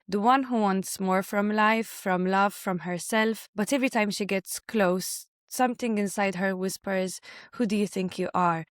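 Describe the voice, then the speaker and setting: Woman podcast host, polished smooth voice, dry studio sound. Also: medium pitch, no echo. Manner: warm scripted intro, inviting questions. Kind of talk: podcast intro and interviewing.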